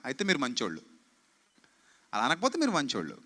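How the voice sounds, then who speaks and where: A man's voice: medium pitch, wildly swooping pitch, fairly quick, bright, forceful tone. A man preaching a fiery sermon, scolding the crowd with rhetorical questions and mocking quotes. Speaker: pastor.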